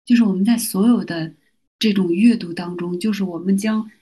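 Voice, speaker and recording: A middle-aged woman with a husky, slightly breathy voice pitched in a mid range, speaking as a podcast guest. She tells personal stories in a soft-spoken, reflective way and often restarts her sentences. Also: steady tone, brisk. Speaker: podcast guest, university teacher. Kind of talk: conversational storytelling.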